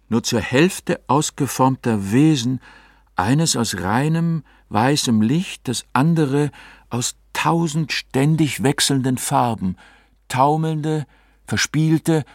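A man narrating a story as a scripted audiobook reading, measured and expressive, close to the mic. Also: mid-range voice, no echo.

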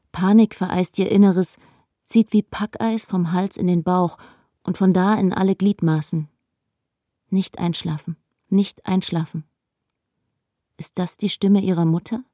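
A woman narrating a novel in a measured, calm storytelling voice. Her tone is dark and mellow. The studio sound is dry, with no room echo. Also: fairly low pitch. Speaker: audiobook narrator. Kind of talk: scripted narration.

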